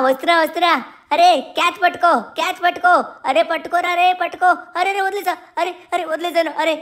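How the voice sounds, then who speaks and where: A woman's voice: high voice, a bit bright. A woman voicing a mischievous little cartoon boy who whines and pleads to skip school. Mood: playful. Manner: cheeky, whiny pleading.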